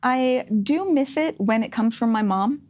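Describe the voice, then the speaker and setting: A woman's voice: fairly high pitch, animated, a little slow, darkish tone. Upbeat chatty woman in her thirties. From Rhode Island, USA. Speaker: guest, associate data analyst. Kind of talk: casual interview chat.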